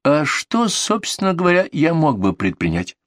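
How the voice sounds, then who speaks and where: A man voicing a gloomy, dignified donkey in an audiobook reading, talking glumly, slowly and deliberately. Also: on the high side, huge pitch swings, pitched above the performer's own voice. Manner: glum, slow, deliberate.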